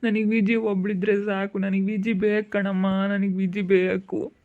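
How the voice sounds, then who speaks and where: A woman's voice: mid-range voice, little pitch movement, unhurried, close to an everyday voice. A woman with a rural Chitradurga Kannada accent playing a grieving young village husband, wailing and pleading through sobs in a village family drama. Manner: wailing, pleading, repeating phrases. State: sobbing. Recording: tinny phone-like recording.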